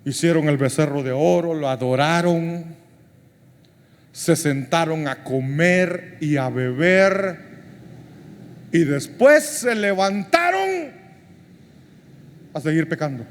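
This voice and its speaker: A male pastor delivers an impassioned sermon in a high, slow voice. His words hang in the long reverb of a large church hall. He rises to near-shouts, then drops into hushed prayer. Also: animated.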